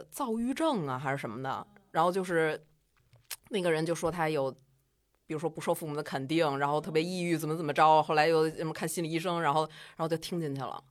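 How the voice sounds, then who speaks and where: A woman with a Beijing accent telling a personal story in a chatty, colloquial and animated way. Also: sits low, brisk.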